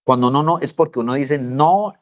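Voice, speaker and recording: A man's voice: on the high side, expressive, normal speed. A Colombian man teaching a church parenting class, explaining through a family story with acted quotes.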